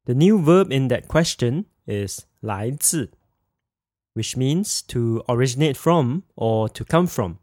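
A man teaching a language lesson in a clear, explanatory scripted narration, saying example phrases slowly. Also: medium pitch, animated, darkish tone, dry recording, studio quality.

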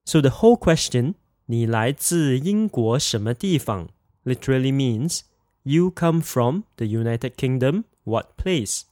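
A man teaching a language lesson in a clear, explanatory scripted narration, saying example phrases slowly. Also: medium pitch, lively intonation, a little mellow, dry recording, studio quality.

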